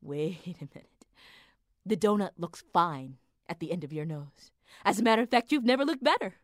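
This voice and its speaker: Brief: woman playing a sly, bossy husband in a spoken folk tale, lively up-and-down delivery, dry close sound. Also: lowish voice, moderate pace, no room sound, lightly acted. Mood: wheedling. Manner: scornful, then wheedling and persuasive.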